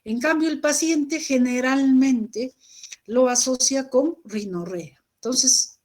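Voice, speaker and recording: A woman teaches a medical class. Her voice sits a little high, and she explains patiently, often tagging her points with a questioning "¿no?" for the students. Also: takes it slowly, a little mellow. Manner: explanatory, addresses students directly with frequent rhetorical questions. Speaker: lecturer. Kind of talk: recorded medical lecture.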